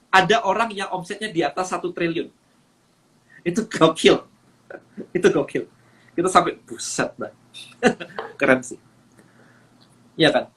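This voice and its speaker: A man's voice: high voice, fairly bright tone. A man coaching on a live stream, talking energetically and mixing English phrases into his speech with frequent fillers. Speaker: business coach.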